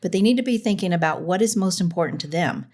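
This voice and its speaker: Earnest woman with a low voice. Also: lively intonation, fast, darkish tone. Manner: earnest, emphatic agreement. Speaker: podcast guest. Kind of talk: casual conversation.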